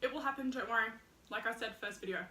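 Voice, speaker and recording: Chatty young woman vlogger, bright projected voice, camera set back in a roomy space. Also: on the high side, fast talker. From Australia. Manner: chatty and excitable, says she is projecting her voice. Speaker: mukbang vlogger. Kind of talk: casual eating-show chat to camera. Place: hot room at home, indoors. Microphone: camera set far away. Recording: echoey room, camera at a distance.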